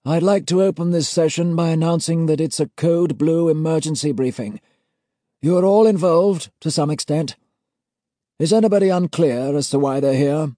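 A man's voice: a little high, normal speed, dry recording, studio quality, pitched above the performer's own voice, lightly acted. A man putting on a silky, courtly old auditor. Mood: politely menacing. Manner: courteous, formal, quietly menacing. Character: genteel older male senior auditor, menacingly polite.

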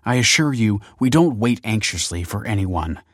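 A man's voice: fairly low pitch, expressive, normal speed, no room sound, clean studio sound. Man doing a stiff, curt woman director. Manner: curt, clipped, guarded. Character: stiff, defensive female factory director.

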